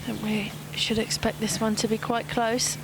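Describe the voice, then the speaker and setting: A woman's voice: on the high side, level tone, normal speed, background noise. A woman giving understated live golf commentary in brief remarks.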